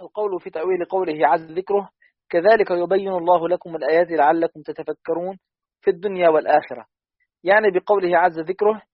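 A man reading a classical text aloud in a quick, steady recitation for a study lesson. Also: high voice, no echo. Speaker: student reader. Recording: dry, dull lo-fi audio.

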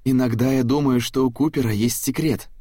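A kind, fretful elderly grandmother pleads softly with her family in a storybook reading, her voice lifted far above the reader's own as a man puts her on. It stays husky and dry throughout. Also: medium pitch, steady tone, a little fast, no echo, voice pushed up, close to an everyday voice. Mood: gentle. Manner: pleading, soft and worried. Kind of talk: audiobook character voice.

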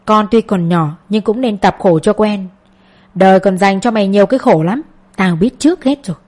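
A woman reading an audiobook, voicing a kindly older male schoolteacher who lectures calmly like a father. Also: medium pitch, normal speed, close to an everyday voice. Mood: advising.

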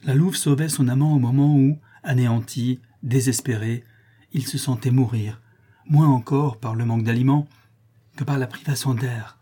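A man reading a classic novel aloud as an audiobook narrator, in steady, measured storytelling. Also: mid-range voice, breathy edge.

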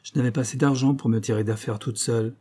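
A man reading an audiobook, voicing a proud, hot-tempered young actress with a sharp, impatient manner. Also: medium pitch, fairly even intonation, fast talker, husky, lightly acted. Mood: defiant.

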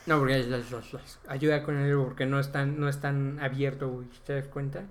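A man's voice: mid-range voice, level tone, normal speed. A young Mexican man on a casual podcast, explaining at length and tagging nearly every phrase with a slang filler. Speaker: podcast co-host. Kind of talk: casual chat.

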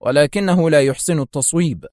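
A man reading the lines of a cool, stern male secret agent in an audiobook, calm and measured. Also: fairly high pitch, no room sound, studio quality, lightly acted.

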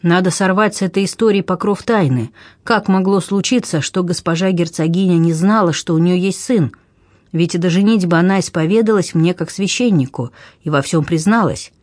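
A man's voice: sits high, normal speed, no room sound, lightly acted. A man reading an audiobook, voicing a stern nobleman, a duke who speaks with scorn. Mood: alarmed.

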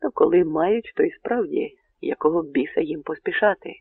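A man's voice: a little high, lively intonation, normal speed, creaky, husky, no echo, heavily acted. A man voicing a brooding, stern Cossack colonel who mutters his thoughts, in an audiobook reading. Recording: narrow phone-like radio sound.

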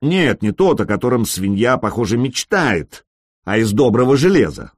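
A man voicing a bold young man who answers with booming sarcasm. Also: big pitch swings, normal speed, no echo, studio quality. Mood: mocking. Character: bold young man in a Viking hall, cool and mocking.

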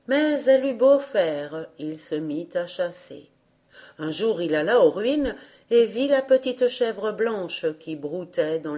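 Slow, low-voiced woman reading a tale. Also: darkish tone. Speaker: audiobook reader. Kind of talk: audiobook narration.

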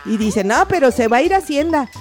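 A woman's voice: high voice, fast talker, soft background music. A woman, a guest in an interview, telling a casual anecdote and acting out the voices of the people in it. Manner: animated, acts out the voices of people in her story.

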